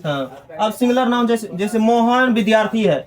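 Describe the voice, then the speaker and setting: A male English teacher drilling sentence patterns in a classroom, brisk and repetitive, firing rhetorical questions at his students. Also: very high voice. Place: classroom with children. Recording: noisy classroom with children's chorus.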